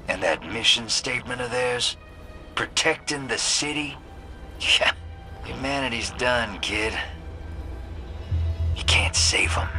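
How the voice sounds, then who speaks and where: A man's voice: medium pitch, bright, forceful tone, full character voice. An actor playing a shady, cynical male drifter and old survivor in a video game, with a sly, folksy drawl. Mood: cynical, grim. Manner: sly, folksy drawl, addressing the listener as kid and partner. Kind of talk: video game character monologue.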